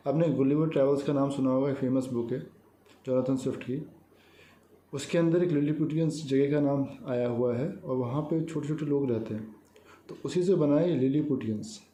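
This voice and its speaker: A man teaching English vocabulary, explaining each word and spelling it out letter by letter in a calm lecture. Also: medium pitch, normal speed. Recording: echoey room with faint ambient noise.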